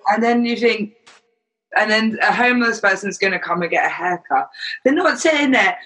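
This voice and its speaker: A man's voice: high voice, moderate pace, bright, forceful tone, rough recording. A man chatting casually and frankly, explaining his views and acting out imagined quotes as he goes. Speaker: charity volunteer. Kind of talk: casual chat.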